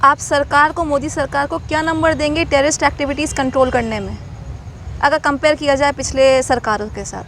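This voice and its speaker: A woman's voice: high voice, steady tone, brisk, fairly bright tone, a little hiss or hum, low-quality recording. A woman interviewer asking short, plain questions outdoors.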